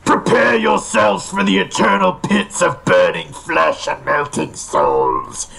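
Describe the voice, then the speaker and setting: A woman voicing Satan as a menacing, ancient demon who makes slow, theatrical proclamations of doom. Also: fairly low pitch, big pitch swings, fairly bright tone, a little hiss or hum, exaggerated voice. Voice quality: gravelly, slow and drawn-out.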